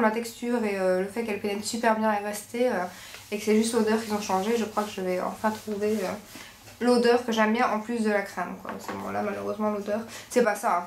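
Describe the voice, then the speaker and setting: A woman with a Belgian French accent chatting casually as a beauty vlogger showing a shopping haul, rambling informally and correcting herself as she goes. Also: mid-range voice. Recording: echoey room with faint background noise.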